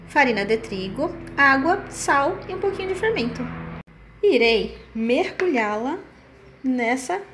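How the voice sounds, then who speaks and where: A woman's voice: high-pitched, a little hiss or hum. A woman in a casual cooking vlog, chatty and playful. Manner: chatty and playful, sings silly made-up French lyrics. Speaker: vlogger.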